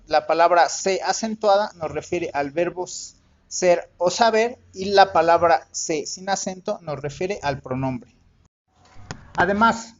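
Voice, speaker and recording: A man's voice: high voice, highs cut off. A man teaching in a methodical, explanatory way, with occasional slips and self-corrections. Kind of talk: recorded lesson explanation.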